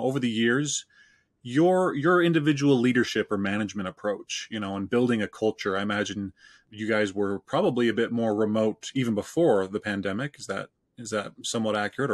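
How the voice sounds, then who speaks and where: A man's voice: medium pitch, dry recording, studio quality. A man hosting a podcast interview, thanking his guest and steering to the next topic. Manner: friendly, steering the conversation. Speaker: podcast host.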